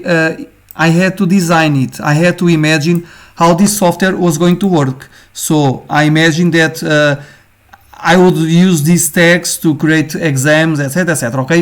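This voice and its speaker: Portuguese-accented man, halting and filler-heavy. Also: fairly high pitch. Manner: halting, many fillers, ends phrases with "okay?". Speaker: game design teacher. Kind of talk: informal screen-share lesson.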